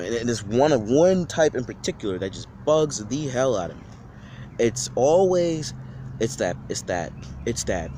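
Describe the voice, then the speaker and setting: Animated man ranting in slang. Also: fairly high pitch, a little hiss or hum. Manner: slangy, profane, rambling with many restarts. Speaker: vlogger. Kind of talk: informal off-the-cuff rant.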